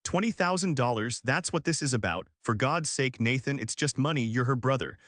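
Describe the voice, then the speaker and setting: A man voicing a gruff, scolding middle-aged father. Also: mid-range voice, fairly quick, a bit bright, no echo, studio quality, close to an everyday voice.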